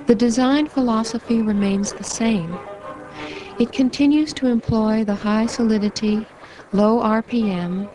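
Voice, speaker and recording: A woman's voice: mid-range voice, poor audio. Woman narrating a promo over music. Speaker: infomercial narrator.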